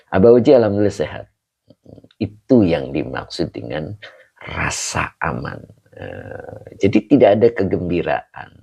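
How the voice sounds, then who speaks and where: A man teaching a live online religious lesson, explaining grammar slowly and greeting viewers by name with chuckles. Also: sits low, gravelly. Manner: greets viewers warmly with frequent chuckles and pious phrases. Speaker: Islamic teacher, live stream host.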